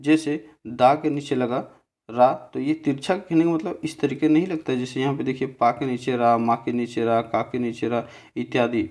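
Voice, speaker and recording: A man's voice: mid-range voice, steady tone, a little mellow. A man teaching a grammar lesson over a slide, explaining step by step and often checking in with his listeners. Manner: slow, repetitive, checks in with "theek hai"; spells out syllables slowly.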